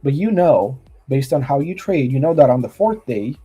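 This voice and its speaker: Man, from Romania, guest on a video call, earnest pep talk, warm husky tone, faint music behind. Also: medium pitch, expressive, moderate pace. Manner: earnest, motivational, restarts often. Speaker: guest trader. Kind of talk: casual chat.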